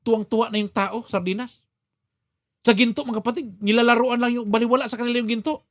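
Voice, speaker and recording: High-voiced Filipino pastor telling a parable. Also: male voice, fairly even intonation, quick pace. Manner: dramatic storyteller, acts out characters' lines; addresses congregation as "mga kapatid". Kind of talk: sermon storytelling.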